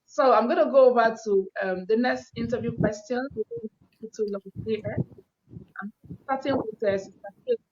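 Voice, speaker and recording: A woman's voice: a little high, expressive, moderate pace, heavy background noise. A woman hosting an online panel, introducing guests in an upbeat, encouraging way. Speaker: host. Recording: dull, lo-fi sound.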